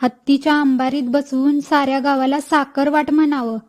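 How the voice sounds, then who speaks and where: A woman's voice: high-pitched, flat delivery, normal speed, darkish tone, lightly acted. A woman putting on a chatty old village midwife. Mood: coaxing chatter. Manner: rustic village speech, coaxing and scolding.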